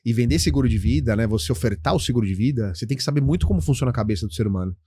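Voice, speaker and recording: A middle-aged man as a podcast guest, telling client stories in a casual, lively way and acting out both sides of the conversations. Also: medium pitch, racing, husky, no room sound, clean studio sound. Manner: animated storytelling, acts out client dialogues, says "cara" often. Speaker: guest, insurance educator.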